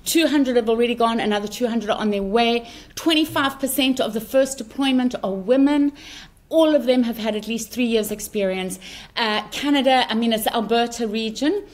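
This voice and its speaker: A woman's voice: on the high side, normal speed. Emotional South African woman podcaster. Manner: emotional, tearful, gushing. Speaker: podcast co-host. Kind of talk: casual podcast chat. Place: home in France, remote call.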